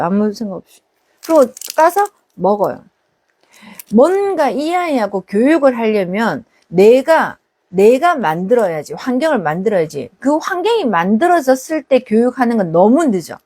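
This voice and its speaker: Woman, parenting counselor, live Q&A advice, fairly high voice, very expressive pitch. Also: breathy edge. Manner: lively, acts out parent and child exchanges.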